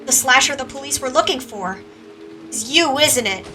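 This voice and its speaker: A woman's voice: high-pitched, lively intonation, moderate pace, sharp tone, distant mic, faint music behind, pitched above the performer's own voice. A woman playing a frightened young lady who accuses someone and calls out for help. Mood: accusing.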